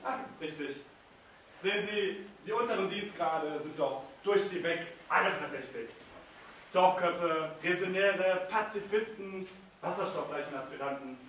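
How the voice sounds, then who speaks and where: A man's voice: high voice, unhurried. A man playing a scornful, arrogant army colonel who mocks the soldier before him on stage. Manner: mocking, contemptuous, lively. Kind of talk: stage play performance. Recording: echoey hall, mic far off, faint noise.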